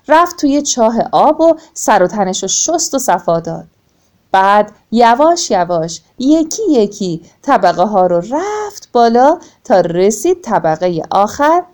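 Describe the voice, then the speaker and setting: A woman narrating a children's folk tale, gentle, with soft falling phrase ends. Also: medium pitch, sing-song. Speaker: storyteller.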